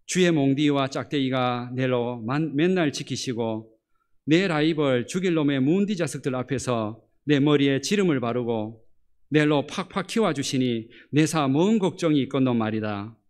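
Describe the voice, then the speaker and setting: A man's voice: medium pitch, expressive, moderate pace, a little mellow, lightly acted. A man putting on a hearty, brash Gyeongsang-dialect voice to recite a psalm. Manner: brash, hearty local speech.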